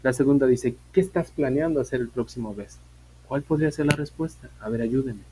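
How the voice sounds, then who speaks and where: A man's voice: medium pitch, fairly quick, mellow, slight background noise, poor audio. A man, teaching an online English class, explaining patiently, repeating points and asking his students questions.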